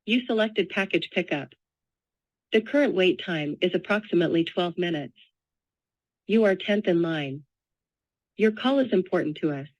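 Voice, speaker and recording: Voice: mid-range voice, no echo. Automated phone-menu recorded message voice. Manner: even, measured automated announcements. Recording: dull lo-fi phone-menu audio, dry.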